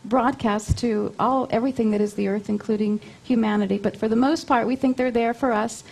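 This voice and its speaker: High, husky-voiced woman interview guest. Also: steady tone, fairly quick, a little mellow, poor audio. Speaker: interview guest, spiritual channeler. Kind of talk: conversational explanation in an interview.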